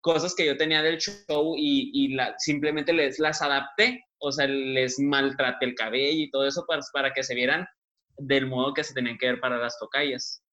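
A man's voice: mid-range voice, steady tone, normal speed, bright, forceful tone, dull audio. A man, a stylist and comedian, chatting expressively as a guest in an interview. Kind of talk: casual interview chat.

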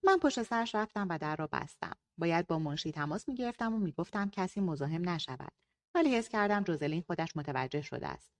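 A woman narrating a novel and reading the characters' dialogue in slightly shifted voices. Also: lively intonation. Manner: lightly voices characters, higher and louder for dialogue. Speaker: audiobook narrator.

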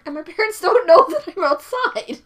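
A woman's voice: extremely high pitch, animated, moderate pace, a bit bright. A woman telling personal stories in a casual chat, laughing often and using many fillers.

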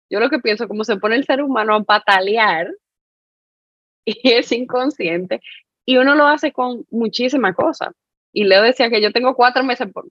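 A woman's voice: on the high side, dry recording. Female co-host, reflective and rambling, dry close lo-fi sound. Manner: thoughtful, many fillers and restarts. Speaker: podcast co-host. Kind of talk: reflective conversational sharing.

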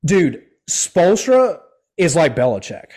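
A young adult man chats casually as podcast host, his voice sitting a little higher than most men's. He rambles, restarts and leans on filler words and slang in easy conversational sports talk. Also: big pitch swings, slow pace, darkish tone, husky.

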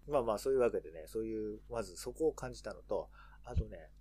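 A man's voice: on the low side, breathy edge, dry recording. A Tokyo-born man in his thirties, chatting casually as a radio show host, joking and acting out quoted voices. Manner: fast, animated, puts on quoted voices and jokes.

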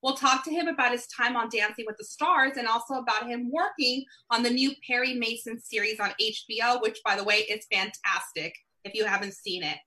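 A woman's voice: on the high side, fairly quick, few pauses, sharp tone, low-quality recording. A woman hosting a talk show, upbeat as she wraps up and announces the next show. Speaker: host. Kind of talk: show sign-off.

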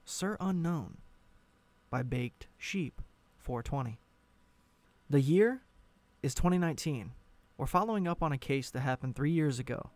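A man's voice: on the high side, animated, unhurried, long pauses, darkish tone, dry recording. A man hosting a horror story podcast, delivering scripted introductions and narration. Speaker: podcast host.

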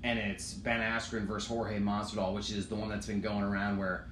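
Animated young man telling a story in an echoey room. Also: lowish voice, brisk. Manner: animated storyteller, swearing, acting out shouts. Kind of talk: casual chat. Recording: echoey room with some noise.

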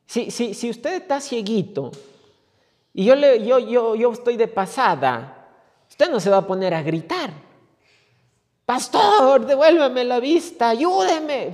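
A man's voice: very high-pitched, darkish tone. A male pastor preaching a sermon, stumbling over repeated words and crying out quoted pleas. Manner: repeats words when stuck, then cries out quoted pleas. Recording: long hall reverb.

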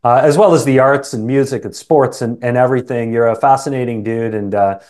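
This English-born Canadian sales coach, middle-aged, appears as an interview guest in a relaxed conversation. His voice sits in the mid-range, a little mellow and a little fast, and he sounds earnest and reflective, frequently adding quick tag questions.

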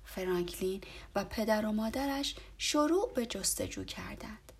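A woman reading a children's story aloud in a soft, half-whispered way. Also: on the high side, huge pitch swings, slight background noise.

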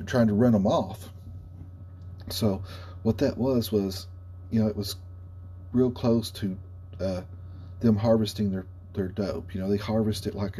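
A man's voice: fairly low pitch, warm tone, husky. A man, telling a casual anecdote in a rambling, folksy, self-correcting way. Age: 40s. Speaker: storyteller. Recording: noticeable background hum and noise.

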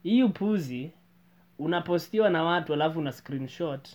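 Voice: mid-range voice, fairly quick. Young host, casual opinionated banter. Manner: opinionated, animated ranting. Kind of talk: casual chat mixing English and Sheng.

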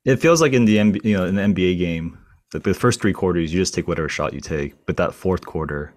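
A man's voice: low-pitched, quick pace, dry recording. A man around forty co-hosting a faith podcast, talking in an easygoing way with sports comparisons. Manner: easygoing, uses sports comparisons, laughs lightly. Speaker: podcast co-host. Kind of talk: casual faith podcast discussion.

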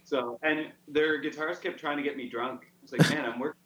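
A man's voice: fairly high pitch, steady tone, normal speed, pushed and bright. A man tells easygoing stories with frequent hesitations as a band guest. His voice comes over a video call that sounds roomy and dull, with faint noise behind.

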